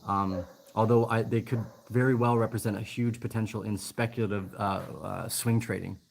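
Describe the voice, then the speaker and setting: A man's voice: on the low side, fairly even intonation, moderate pace, creaky, a little hiss or hum. A man in his thirties hosting a casual livestream Q&A outdoors, talking loosely with lots of ums and restarts. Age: 30s. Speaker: livestream host. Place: outdoors in the jungle. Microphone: laptop mic.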